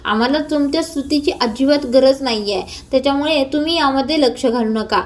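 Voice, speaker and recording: A woman voicing a blunt, quick-tempered young man who questions his family sharply. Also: high voice, close to an everyday voice. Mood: resentful.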